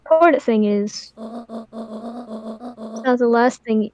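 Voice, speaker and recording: A woman voicing a kindly elderly grandmother in an improvised game voice-over, calm and mischievous with crude jokes. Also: a little high, takes it slowly, highs cut off, music in the background. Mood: gentle. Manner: calm, warm-hearted advice with crude jokes.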